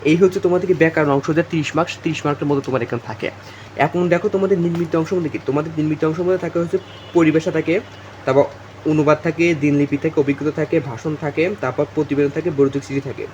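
A man's voice: a little high, steady tone, racing, darkish tone, lo-fi sound, a little hiss or hum. A young man from Bangladesh tutoring students for an exam, talking to them directly, repeating himself and filling gaps with fillers. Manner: repetitive, addresses students directly, many fillers. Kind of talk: informal exam-prep lesson.

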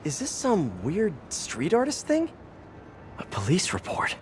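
A man's voice: high-pitched, wildly swooping pitch, background noise, exaggerated voice. A man voicing a wisecracking young male superhero in a video game, chatty and joking. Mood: quippy. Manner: joking, chatty, quick banter. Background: game music.

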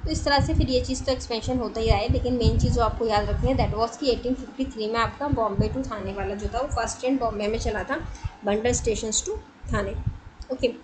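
A woman's voice: fairly high pitch, steady tone, fairly quick, background noise. A woman giving an explanatory online coaching lecture, addressing students directly, asking them questions and mixing English words into her talk. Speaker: exam coaching teacher.

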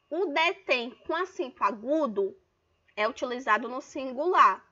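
A woman's voice: high voice, sharp tone, lo-fi sound. A woman teacher giving an online grammar lesson, explaining patiently and drawing out example words for stress.

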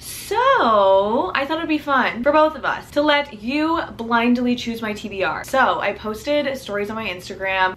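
A woman's voice: on the high side, sharp tone. A young woman in her twenties chatting to camera about books, self-mocking and restarting often. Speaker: booktuber. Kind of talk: casual chat to camera.

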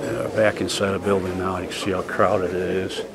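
Speaking at a moderate pace over a loud crowd, an older man with a low, level voice films himself wandering a busy fairground and market buildings. Through the handheld camera's windy, noisy mic he offers casual, plain-spoken, rambling vlog commentary.

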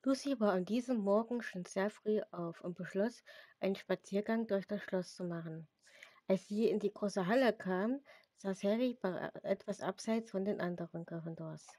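A woman's voice: medium pitch, normal speed, warm tone, no echo, clean studio sound. A woman reading her own story aloud as plain narration, with small slips and restarts.

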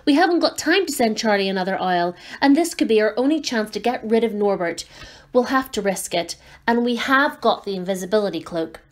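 A woman's voice: medium pitch, animated, a little fast, lightly acted. A woman reading aloud and voicing an earnest, determined young schoolboy.

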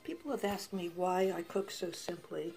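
Husky-voiced woman chatting about home cooking. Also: lowish voice, moderate pace, faint music behind. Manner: relaxed, chatty, tasting food while talking. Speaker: home cooking show host. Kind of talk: casual cooking talk to camera.

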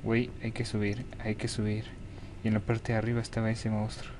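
Gamer, young Mexican man, flat-toned nervous horror commentary, noisy home recording. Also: on the low side, a little fast. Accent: Mexican Spanish. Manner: jittery, begging, talks to himself. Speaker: gaming YouTuber.

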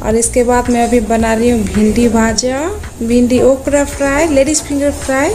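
Brief: high-voiced woman, 30s, casual friendly home vlogger on a phone mic, music bed behind. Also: fairly even intonation, normal speed. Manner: chatty, cheerful, talks to viewers while cooking. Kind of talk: casual Hindi vlog narration. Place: outdoors on a roadside, then a home kitchen. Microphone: phone held at arm's length.

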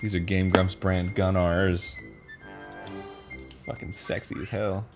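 Excitable, foul-mouthed man streaming a game. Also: slow pace, over loud music. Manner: excitable, profane, swings into loud high-pitched yelps. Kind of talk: live gameplay commentary.

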